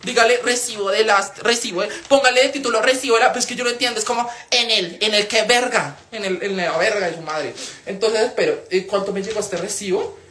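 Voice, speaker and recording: Young Bogotá-accented man, casual livestream chatter into a phone, profane and animated. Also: quick pace. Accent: Colombian, Bogotá. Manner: animated, swears a lot, swings into loud high-pitched wails. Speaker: live streamer.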